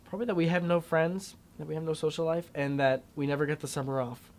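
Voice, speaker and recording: A man's voice: fairly high pitch, steady tone, quick pace, darkish tone. An eighteen-year-old man, a graduating homeschool student, giving casual interview answers in an emphatic, offhand way.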